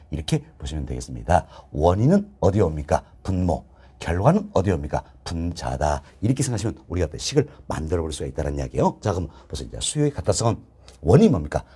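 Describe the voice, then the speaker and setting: A man's voice: a bass voice, mellow, a little hiss or hum. A middle-aged man teaching a recorded exam-prep lecture, quizzing students with questions and answering them himself, repeating key phrases. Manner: call-and-response teaching, answers his own questions; repetitive, drilling key phrases. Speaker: real estate exam instructor. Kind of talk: online lecture.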